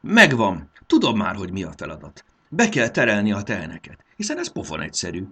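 A man's voice: on the low side, huge pitch swings, pushed and bright, slightly rough, heavily acted. A man reading a storybook aloud and voicing a cheerful, playful young schoolboy who laughs and boasts. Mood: excited.

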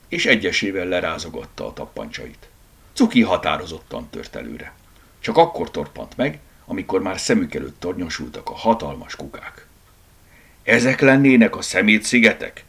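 Man narrating audiobook, low voice, husky, gravelly, lively. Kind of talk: scripted narration.

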